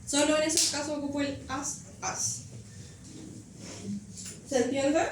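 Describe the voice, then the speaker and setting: High-voiced teacher in echoey classroom. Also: female voice, little pitch movement, a little slow. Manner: patient, checks understanding with frequent questions. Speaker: English teacher. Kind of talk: classroom grammar explanation. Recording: echoey classroom from far off, noisy.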